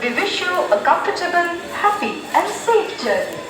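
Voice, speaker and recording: High, lively woman announcer, heard over an echoey station loudspeaker. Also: recorded from a distance, crowd noise. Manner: measured, formal, word-by-word delivery. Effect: played over station loudspeaker. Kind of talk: train platform announcement. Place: railway station platform.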